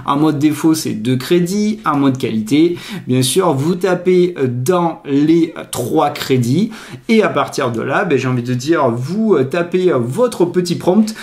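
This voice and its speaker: A man hosting a casual software tutorial, chatty and full of fillers, his pace speeding up and slowing down. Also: fairly high pitch, animated. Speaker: tutorial host. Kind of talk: casual screen-recorded tutorial.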